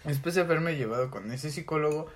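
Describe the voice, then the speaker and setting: A man's voice: on the high side, a little fast, slight background noise. A young man with a Mexican Spanish accent, a podcast co-host talking in a casual, slangy way and swearing often. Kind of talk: casual chat.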